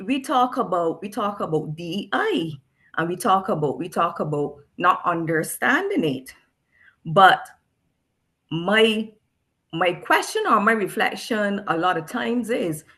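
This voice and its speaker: A woman's voice: mid-range voice, big pitch swings, unhurried, bright, forceful tone. A woman from Barbados, a special education teacher speaking thoughtfully as a guest, often repeating words as she searches for them. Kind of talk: reflective discussion.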